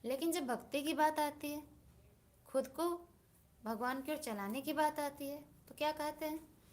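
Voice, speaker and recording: A woman's voice: high voice, a little slow, a little mellow. A woman giving a devotional discourse, reasoning earnestly and asking her listeners rhetorical questions. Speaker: spiritual speaker.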